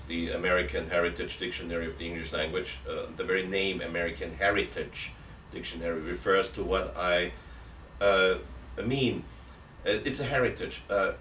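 Middle-aged priest reasoning aloud, roomy sound. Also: male voice, low voice, fairly bright tone. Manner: reasoning aloud, emphatic rhetorical questions; gestures with both hands while talking. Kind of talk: seated catechism talk. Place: indoor room with armchair. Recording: roomy, distant from mic, faint hiss.

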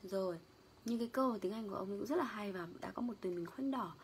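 A woman from Vietnam giving an English vocabulary lesson as a lecturer. She explains word stress and meanings step by step, and reads English quotes slowly. A faint background noise sits under her voice. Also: mid-range voice.

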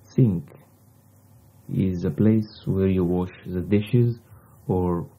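A man whose native language is Arabic, teaching a language lesson in deliberate, halting short phrases on a slightly dull recording. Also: low-pitched. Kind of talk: slow instructional language lesson.

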